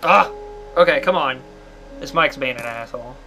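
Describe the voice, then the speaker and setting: A man hosts a casual game playthrough in a medium-pitched, pushed, bright voice at normal speed. He jokes and often exclaims at what happens on screen, with background music clearly audible.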